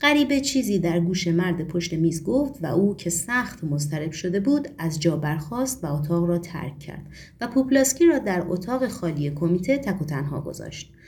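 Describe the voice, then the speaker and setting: A woman reading a novel aloud with lively, expressive intonation. Her voice is mellow and soft-toned, with a measured storytelling delivery. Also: fairly low pitch. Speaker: audiobook narrator. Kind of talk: scripted audiobook narration.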